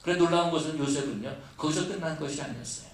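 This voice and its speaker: A man's voice: on the high side, very fast. A man preaching a sermon as pastor, breaking from plain storytelling into fervent, prayer-like appeals. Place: church sanctuary. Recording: echoey church hall from far off.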